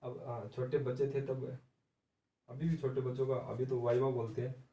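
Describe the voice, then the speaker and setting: Teacher spelling words in an echoey room. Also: male voice, medium pitch, level tone, mellow, far from the mic, dull audio. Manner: explains slowly, spells words letter by letter, repeats "theek hai". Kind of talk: exam-prep English vocabulary lesson.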